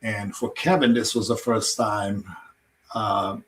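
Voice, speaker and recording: Man, croatian accent, fairly low pitch, earnest storytelling, farm owner, podcast guest. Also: fairly even intonation, slow, a little hiss or hum, rough recording.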